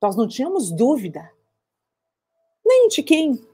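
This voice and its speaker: A woman's voice: high voice, wildly swooping pitch, warm tone, breathy edge, full character voice. Actress as an old woman war veteran. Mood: sober. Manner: measured, reflective storytelling. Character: older woman war veteran recalling battlefield memories. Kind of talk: dramatic monologue testimony.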